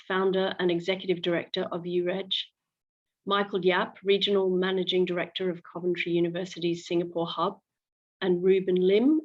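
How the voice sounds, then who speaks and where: A woman moderating a roundtable over a video call, measured and formal as she reads out names and titles. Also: fairly low pitch, highs cut off. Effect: heard over a video call.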